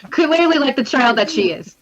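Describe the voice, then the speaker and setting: A woman's voice: a little high, a bit bright, highs cut off. A woman playing a tabletop game, playful and giggly. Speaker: player. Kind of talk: casual chat at a game table.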